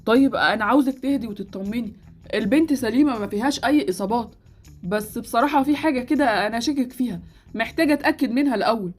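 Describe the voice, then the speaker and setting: A woman playing a calm Egyptian doctor. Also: on the high side, faint music behind, close to an everyday voice. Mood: reassuring. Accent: Egyptian Arabic. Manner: measured, reassuring. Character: calm, reserved male doctor. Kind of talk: Roblox series voice acting.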